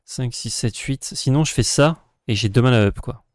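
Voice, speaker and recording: A man co-hosting casual gameplay commentary, thinking aloud and counting out his plays in a relaxed way. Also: mid-range voice, normal speed, no room sound, clean studio sound. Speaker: co-host playing the game.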